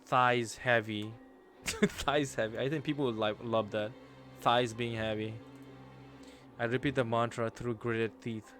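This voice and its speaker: A young man streaming a game, reading the story aloud and reacting with casual swearing and loud outbursts. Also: mid-range voice, steady tone, unhurried, pauses often. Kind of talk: let's play commentary and reading aloud. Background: game music.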